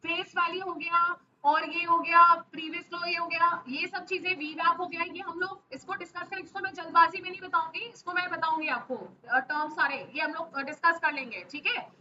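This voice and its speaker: High bright-voiced woman teaching online. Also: steady tone, brisk, few pauses. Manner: keeps checking in with frequent "ok?" and hesitation fillers. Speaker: stock market teacher. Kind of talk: live online class, answering questions. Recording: muffled audio with faint hiss.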